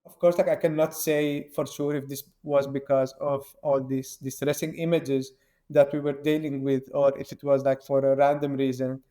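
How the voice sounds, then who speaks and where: A man from Syria answers interview questions as a guest investigator. His voice is mellow and fairly flat in pitch, and he pauses often, with many ums and restarts. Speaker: open-source investigator, guest.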